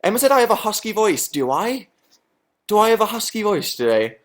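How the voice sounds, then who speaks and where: A young man runs a casual livestream, reading out viewer comments and replying with sarcastic, deadpan jokes at his own expense. His voice is high, and he talks a little fast.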